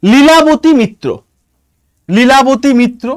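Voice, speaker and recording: Teaching an online exam lesson in history, a teacher with an Indian Bengali accent explains emphatically and regularly tests understanding with quick questions. The voice is high with lively intonation and a little slow. Studio quality, no echo.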